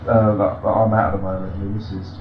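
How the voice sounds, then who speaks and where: A man's voice: deep voice, little pitch movement, fast, over music. Middle-aged man on a lo-fi satellite-style voice-chat link. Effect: lo-fi online voice-chat link joked about as a live satellite feed. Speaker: remote guest calling in. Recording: echoey lo-fi chat line with background noise.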